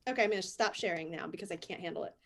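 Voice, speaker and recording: A woman's voice: lowish voice, racing, a bit bright. A woman co-hosting a casual podcast, reading a news story aloud and ranting playfully. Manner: playful, ranting, laughs often. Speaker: podcast co-host.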